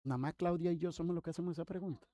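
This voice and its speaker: A man preaching a sermon in a church, lively and talkative, asking his listeners questions and calling some by name. His voice sits high for a man, and the sound is close and dry. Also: racing, dry recording. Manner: lively, talks to congregation by name, acts out quotes. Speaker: pastor.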